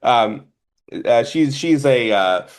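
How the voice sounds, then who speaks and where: A man with a New Jersey accent co-hosts a casual film review podcast, rambling in a stop-and-start way. His mid-range voice has lively intonation and a slow pace.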